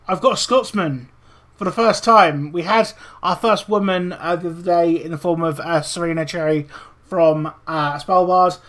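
A man's voice: on the high side, normal speed, fairly bright tone. A man hosting a podcast interview in a casual, chatty style. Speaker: podcast host.

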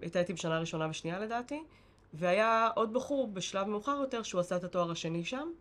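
A woman's voice: mid-range voice, fairly bright tone. A woman from Israel with an Israeli accent, a guest talking casually and reflectively, correcting herself as she goes. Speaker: interview guest.

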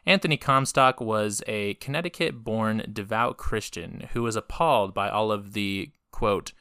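A man's voice: fairly low pitch, unhurried, bright, forceful tone, clean tone, no room sound, studio quality. A man co-hosting a podcast, talking through history in a laid-back, profanity-laced way and laughing often. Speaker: podcast co-host. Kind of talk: casual history podcast chat.

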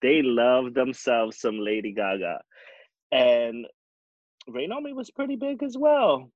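Man, guest, casual fan chat, relaxed and chatty, muffled lo-fi audio, dry sound. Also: mid-range voice, takes it slowly, no echo. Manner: relaxed, chatty, with fillers and laughs.

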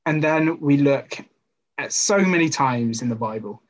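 A man's voice: a little high, expressive, unhurried, rough recording. A man giving an informal sermon to a youth group, talking conversationally with personal stories and rhetorical questions.

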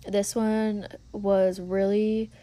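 A woman's voice: mid-range voice, level tone, extremely slow, warm tone. A woman in her twenties hosting a casual solo podcast, talking earnestly and encouragingly with lots of filler words. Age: 20s. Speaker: podcast host.

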